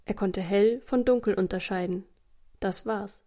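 A woman with a mid-range voice narrates a scripted children's story as the storyteller, expressive and deliberate.

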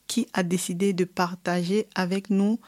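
A woman presenting a radio magazine in a clear, announcing way. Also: fairly low pitch, flat delivery, moderate pace, darkish tone, slight background noise. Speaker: radio host.

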